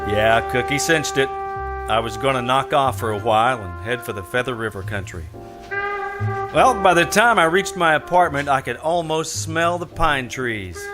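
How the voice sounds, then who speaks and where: An actor playing Philip Marlowe, a wry, world-weary private detective, with clipped delivery in an old radio drama. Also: male voice, medium pitch, close to an everyday voice. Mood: wry narration. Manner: wry, clipped, hard-boiled.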